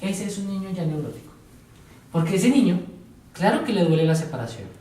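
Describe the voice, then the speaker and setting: A man's voice: sits high, big pitch swings, fairly quick, warm tone. A man teaching a psychology class, asking his students questions and repeating their answers. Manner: tells examples step by step, now and then playing a teacher or patient. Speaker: psychology lecturer. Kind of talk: classroom lecture. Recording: very echoey room, voice from far off.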